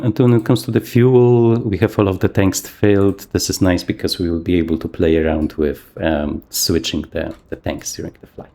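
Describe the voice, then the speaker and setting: A man casually talking through a flight simulator session, thinking aloud with plenty of fillers, his voice a little rough from the morning. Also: low-pitched, dark tone. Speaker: flight sim video host. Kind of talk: casual gameplay commentary.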